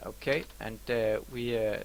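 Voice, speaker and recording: A man hosting an unscripted live broadcast, speaking haltingly as he searches for words, with a creaky voice. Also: lowish voice, steady tone, background noise. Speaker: live launch broadcast host.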